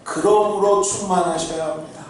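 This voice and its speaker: A middle-aged male pastor delivers an earnest, conversational sermon and asks his congregation questions. His voice sits high for a man. It is picked up from a distance in a very reverberant church hall. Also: steady tone, normal speed, slight background noise. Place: church sanctuary. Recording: very echoey hall, heard from far off.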